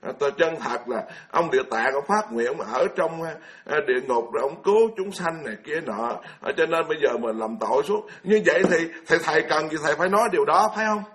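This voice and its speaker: A man's voice: on the high side, expressive, brisk, few pauses, fairly bright tone. A man, giving a blunt, colloquial Buddhist sermon full of scolding rhetorical questions. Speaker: Buddhist monk lecturer.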